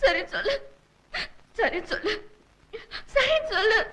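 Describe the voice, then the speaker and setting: A tearful, fiery young wife. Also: female voice, very high voice, lively intonation, slow pace, fairly bright tone, exaggerated voice. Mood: tearful relief. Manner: sobbing while laughing, accusing. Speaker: wife in film.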